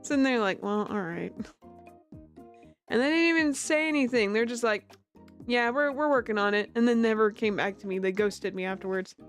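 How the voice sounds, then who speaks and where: Over background music, this woman talks casually during a game livestream, close to her microphone, giggly and rambling with plenty of self-deprecation. She is a streamer who also does amateur voice acting. Her pitch sits on the high side, her intonation is lively, and her pace is moderate.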